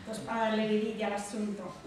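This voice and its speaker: Speaking fast at a medium pitch in a flat, monotone way, a Spanish-accented woman from Spain gives a relaxed public talk as a guest. The recording has strong hall echo, a distant mic and background noise.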